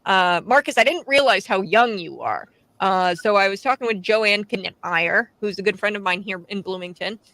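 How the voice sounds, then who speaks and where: A woman's voice: mid-range voice, lively intonation, normal speed, a bit bright, rough recording. A woman in her twenties hosting a radio talk show, chatting casually and laughing between her points. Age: 20s.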